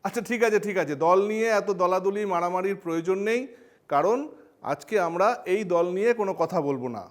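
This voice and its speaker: A man's voice: high-pitched, quick pace. A man with a Bengali accent teaching a grammar lesson, playful and speaking straight to his students with questions. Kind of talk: educational explainer lesson.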